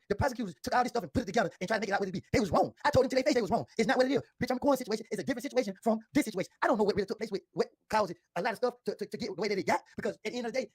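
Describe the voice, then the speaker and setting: Man, husky, rapid-fire interview storyteller, defensive and insistent, dry close recording. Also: high-pitched, no room sound.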